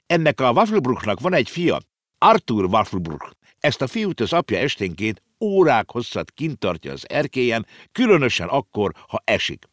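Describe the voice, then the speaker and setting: A man's voice: dry recording, studio quality. A man voicing an earnest, know-it-all little girl in an audiobook reading. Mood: explaining. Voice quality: high, lively, explaining.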